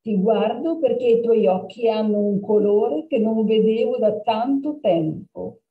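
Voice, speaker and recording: A woman's voice: fairly high pitch, unhurried, echoey room, phone-quality sound, pitched above the performer's own voice. A woman doing a sly, secretive talking cat. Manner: teasing, hushed.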